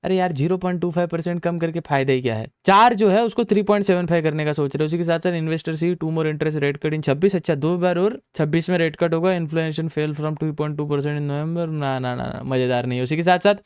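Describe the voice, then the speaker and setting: Fiery young man from Vidarbha, clear voice. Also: a little high, fairly quick, hardly any pauses, no room sound, clean studio sound. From Vidarbha, India. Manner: heated, ranting, mixing Hindi and English. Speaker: stock market channel host. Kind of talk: market news commentary, reading headlines aloud.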